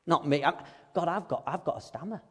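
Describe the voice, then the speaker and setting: Preacher voicing an anxious stammering shepherd, high-pitched, pleading, long hall echo. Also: male voice, normal speed, a little mellow, lightly acted. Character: reluctant stammering male shepherd Moses, anxious.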